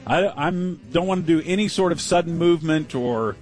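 A man's voice: on the high side, moderate pace, a little mellow, soft background music. A man who hosts a sports radio talk show, telling a long story in casual chat, acting out the other people and laughing often.

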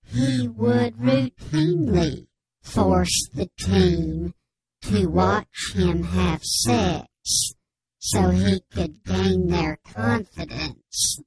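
A man playing a grave, anonymous male whistleblower on a radio comedy bit, his voice electronically disguised, giving slow, solemn deadpan testimony. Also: sits high, a little hiss or hum, heavily acted, low-quality recording. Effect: disguised voice, electronically altered. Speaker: anonymous informant caller.

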